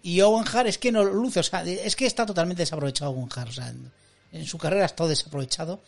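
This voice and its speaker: Gravelly-voiced Spanish man, joking co-host. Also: on the high side, quick pace. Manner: jokey, ironic asides. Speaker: podcast co-host. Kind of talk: casual wrestling commentary chat.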